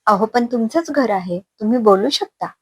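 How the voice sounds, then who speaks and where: A woman's voice: on the high side, animated, moderate pace, slightly rough. A woman voicing a scared, pleading young wife. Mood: frightened. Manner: tense, raised, pleading.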